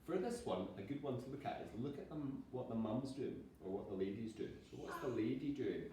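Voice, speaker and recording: A man with a medium-pitched, dark voice teaches a primary school class, speaking in an animated, fairly quick way. He explains words simply and patiently, reads short examples aloud, and encourages the pupils. The recording has an echoey classroom sound, a distant mic, and faint noise.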